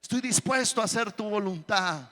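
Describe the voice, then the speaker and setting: A man voicing an impulsive male disciple, pleading in a hushed, insistent way. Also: high voice, moderate pace, long reverb tail. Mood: eager.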